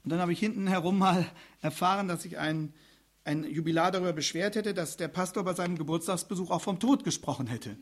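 Man, middle-aged, pastor, sermon, earnest, addresses the congregation, high voice. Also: brisk. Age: middle-aged or older. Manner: earnest, addresses listeners directly.

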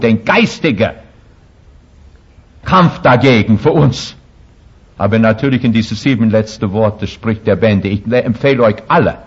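A man with a husky, slightly breathy voice preaches with strong emphasis. His German grammar slips here and there. The recording sounds dull and lo-fi. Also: mid-range voice. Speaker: pastor. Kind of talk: sermon.

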